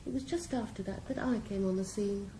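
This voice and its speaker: Brisk and mid-range, this actress's voice sits close to how she'd normally talk as she portrays a ruthless drug boss in a radio drama. The criminal mastermind comes across cool, composed and mocking, heard with roomy echo and faint background hiss.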